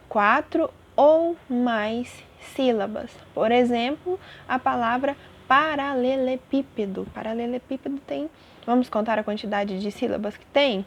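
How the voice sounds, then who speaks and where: A woman's voice: fairly high pitch, vocal fry. A woman teacher, explaining a grammar lesson to young students patiently, often checking in with them. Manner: patient, repeats terms and checks in with "tá bom?".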